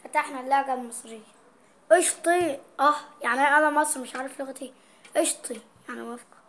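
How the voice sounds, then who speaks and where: This vlogger speaks fast in a high, fairly bright voice. Chatting playfully with an Egyptian accent, she reads dialect words aloud and tells what each one means.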